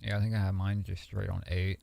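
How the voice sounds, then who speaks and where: A man with a low, gravelly voice and a dark, mellow tone talks loosely over a game stream. He rambles from thought to thought and swears without a second thought. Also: quick pace. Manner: relaxed, rambling, swears freely. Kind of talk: casual stream chat.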